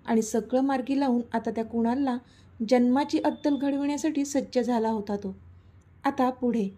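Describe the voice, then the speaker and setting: A woman narrates a serialized romance in a steady, even reading. Her voice sits a little high, yet it sounds mellow and husky. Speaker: story narrator. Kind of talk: scripted story narration.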